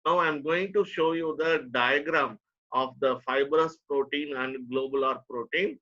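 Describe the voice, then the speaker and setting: A man's voice: on the high side, measured pace, bright, forceful tone, dull audio. A man with an Indian accent teaching a lesson step by step, often repeating phrases for emphasis. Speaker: teacher, lecturer. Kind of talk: online lecture to a nursing student.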